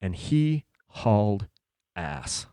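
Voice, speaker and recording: A man hosting a podcast, telling a personal story casually and earnestly, dropping soft and low in tense moments. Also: lively intonation, very slow, clear, resonant tone, no room sound, clean studio sound. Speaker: podcast host.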